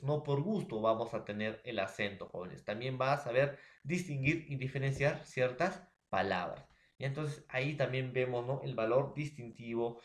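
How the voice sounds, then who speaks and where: A male teacher walks his students through a grammar lesson, speaking at a middling pitch. He works step by step and keeps checking in with his listeners. The room around him sounds echoey. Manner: explains step by step, calls the listeners "profesor" and "jóvenes". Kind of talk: classroom lesson.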